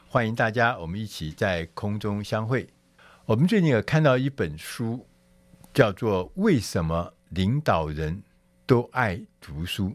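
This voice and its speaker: A man's voice: fairly low pitch, dry recording. Chatty radio host man. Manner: chatty, frequent "哈" tags and fillers. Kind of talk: casual radio talk.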